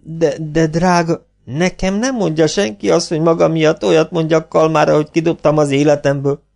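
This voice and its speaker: A man voicing a flustered, placating gentleman. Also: fairly high pitch, steady tone, creaky, faint music behind, pitched above the performer's own voice. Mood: pleading. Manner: soothing, hesitant.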